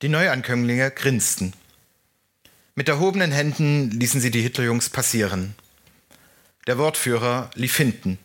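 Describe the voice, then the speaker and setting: Bright-voiced male audiobook narrator. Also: mid-range voice. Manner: measured, first-person storytelling.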